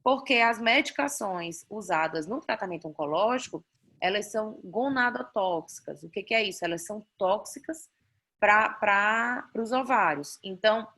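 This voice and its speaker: Over a video call, a woman doctor with a Brazilian Portuguese accent explains fertility slides one step at a time, regularly tagging on "né?" and restarting mid-thought. Her mid-range voice is expressive and sharp in tone, moving at a moderate pace.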